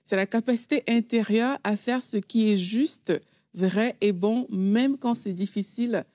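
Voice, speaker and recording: Mellow-voiced woman explaining faith. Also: a little high, a little slow, no room sound, studio quality. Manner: calm, explanatory, with fillers. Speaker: co-host.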